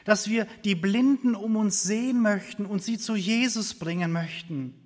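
Earnest high-voiced German preacher in a hall. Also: male voice, normal speed. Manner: earnest, repetitive phrasing, drops to near-whisper at times. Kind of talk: sermon. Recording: long reverb of a hall.

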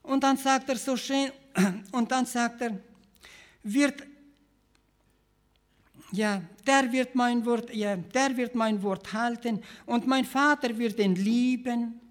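A man with a Swabian accent preaching a sermon, earnest and repetitive, often restarting phrases and clearing his throat. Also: very high-pitched, slow pace, pauses often.

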